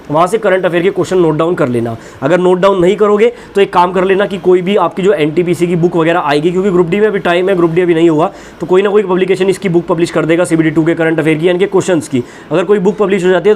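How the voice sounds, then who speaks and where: A man's voice: fairly high pitch, slight background noise. A young man hosting an exam-prep channel, sharing his own experience and giving direct, earnest advice to viewers in a casual talk. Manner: earnest, direct, reassuring with "ठीक है ना" asides.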